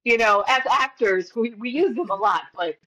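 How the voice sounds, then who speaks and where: A woman's voice: a little high, moderate pace, bright, forceful tone, poor audio. A young woman co-hosting a casual movie podcast, supportive and a little rambling. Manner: supportive, rambling with fillers and restarts. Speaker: podcast co-host. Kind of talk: casual movie-rewatch chat.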